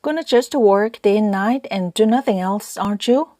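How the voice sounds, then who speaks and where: A woman's voice: medium pitch, moderate pace, warm tone, dry recording, clean studio sound, pitched above the performer's own voice, lightly acted. A woman reading an audiobook voicing a blunt, impatient teenage farm girl with fierce muttered retorts.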